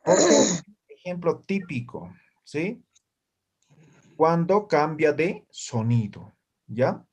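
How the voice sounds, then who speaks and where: A man's voice: a little high, very animated, takes it slowly, gravelly, a little mellow, breathy edge. A male language teacher, giving a classroom lesson and checking in with his students after nearly every phrase. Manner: checks in constantly with short questions to students. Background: students answering in the room.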